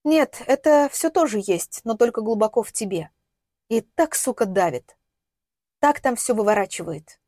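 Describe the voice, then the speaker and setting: A desperate, grieving father from an audiobook, pushing out strained, pleading words in loud bursts, read by a woman. The voice is dry and close, with no room around it. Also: on the high side, expressive, moderate pace, no echo. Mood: anguished. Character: desperate middle-aged man searching for his missing daughter.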